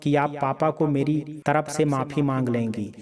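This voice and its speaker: A man's voice: fairly high pitch, fairly even intonation, moderate pace, over music, lightly acted. A man voicing a proud, hot-tempered young lover in a spoken storybook, talking bluntly and bitterly. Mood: brooding.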